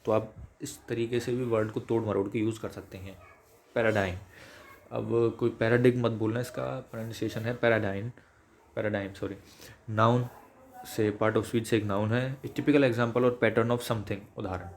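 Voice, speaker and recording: A man teaching English vocabulary in a chatty lecture, switching between Hindi and English and slowing down to read English definitions. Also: fairly low pitch, fairly even intonation, darkish tone, a little hiss or hum. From India.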